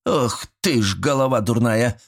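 A man's voice: medium pitch, lively intonation, unhurried, gravelly, pitched above the performer's own voice. A man voicing a fussy, good-natured old village grandfather who talks in folksy rural speech, sighing and fretting. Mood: fretful. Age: older.

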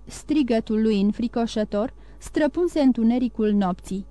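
A woman narrating a classic novel as an audiobook reader, in a steady, even reading. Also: a little high, no room sound. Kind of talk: scripted narration.

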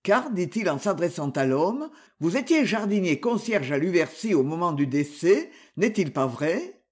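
A reader voicing a courteous male investigator who questions witnesses in a measured way in an audiobook. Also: mid-range voice, big pitch swings. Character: polite, probing male investigator.

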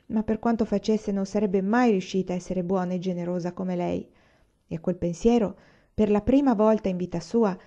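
A woman reading a novel aloud in a calm, even storytelling manner. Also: medium pitch. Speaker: reader. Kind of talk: audiobook narration. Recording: slightly dull lo-fi recording.

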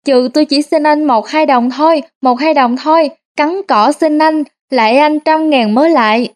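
A shifty male con man who wails, pleads and begs through tears, put on by a woman reading a story. The voice sits high and pushes hard. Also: normal speed, natural voice. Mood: whining. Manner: whining, begging, wailing loudly.

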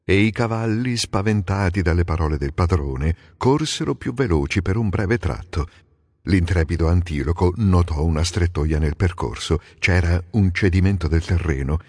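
A man narrates an epic audiobook in a measured, storytelling voice. His pitch moves a great deal. The voice is close and dry, yet a long reverb tail lingers behind it. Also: lively intonation, darkish tone, husky. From Italy.

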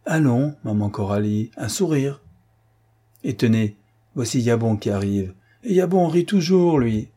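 A man's voice: on the low side, unhurried, warm tone, husky. A man voicing a jovial army captain who gives orders to his wounded soldiers, by turns commanding and affectionate. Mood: tender. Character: hearty male army captain, convalescent officer.

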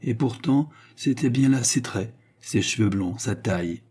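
Guy narrating an old novel, steady pace, mellow dark husky voice. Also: mid-range voice, measured pace. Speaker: audiobook narrator. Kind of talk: scripted narration.

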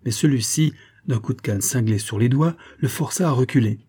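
A man reading a classic novel aloud as an audiobook, in steady, measured narration. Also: medium pitch, breathy edge. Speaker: audiobook reader. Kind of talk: scripted narration.

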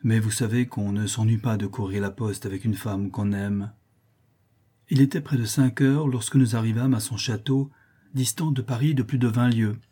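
A man reading a classic novel aloud as an audiobook narrator, in a measured literary manner. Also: on the low side, fairly even intonation, warm tone, breathy edge. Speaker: audiobook reader.

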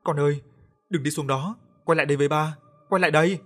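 Brief: loud, raised, grief-stricken old innkeeper, read by a male narrator, storybook telling. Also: a little high, fairly even intonation, fast talker, faint music behind, pitched above the performer's own voice. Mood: anguished. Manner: shouting, anguished. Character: grieving, quick-tempered old male innkeeper.

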